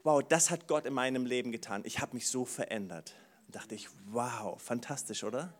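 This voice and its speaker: A man preaching a sermon, animated, moving between soft asides and loud bursts, often exclaiming "wow". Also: mid-range voice, normal speed. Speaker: pastor.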